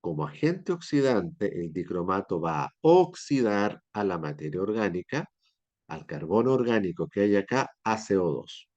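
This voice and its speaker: A man's voice: low voice, big pitch swings, moderate pace, a little mellow, lo-fi sound. A man teaching a university chemistry class, explaining step by step and often checking that his students follow. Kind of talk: classroom lecture.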